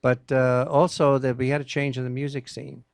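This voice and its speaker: A man's voice: medium pitch, little pitch movement, normal speed, vocal fry, no echo. An older man from New York City, a music producer talking casually as a radio guest, rambling with many fillers. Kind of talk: casual interview talk. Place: radio studio.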